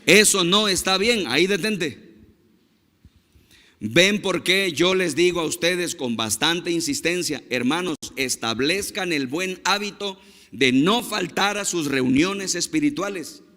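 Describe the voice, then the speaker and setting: Emphatic pastor preaching. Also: male voice, a little high, animated, sharp tone, big-room sound. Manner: emphatic, slow stresses on key words, addresses the congregation as brothers. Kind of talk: sermon. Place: church.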